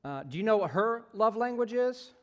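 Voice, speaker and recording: A man's voice: high voice, expressive, normal speed, in a large hall. A man preaching a sermon as pastor, conversational with jokey asides and frequent "right?" checks to his congregation. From United States.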